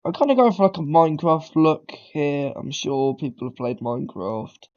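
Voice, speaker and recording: In lo-fi sound, a slightly high, expressive, somewhat mellow male voice speaks at normal speed. The tutorial maker, sick with a cold, rambles through a laid-back beginner coding lesson, often correcting himself and full of ums and throat clearing.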